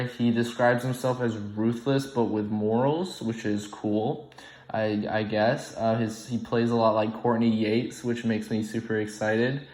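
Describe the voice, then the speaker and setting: A man's voice: mid-range voice, darkish tone. A young man who was born in the UK, hosting an online game and rambling casually with many ums and restarts. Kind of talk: casual unscripted commentary. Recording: echoey room, poor audio.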